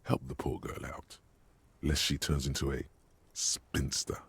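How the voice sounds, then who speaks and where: A deep, sardonic inner voice. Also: male voice, very animated, measured pace, vocal fry, fairly bright tone, breathy edge, dry recording, heavily acted. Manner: sardonic, needling. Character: smug male inner voice of a detective. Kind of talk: game voice acting and narration.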